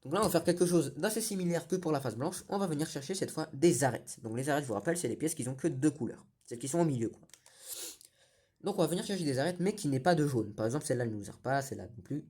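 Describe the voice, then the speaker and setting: A man's voice: on the high side, lively intonation, fast, mellow, husky. A young man giving a patient step-by-step tutorial, often correcting himself. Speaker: cubing tutorial host.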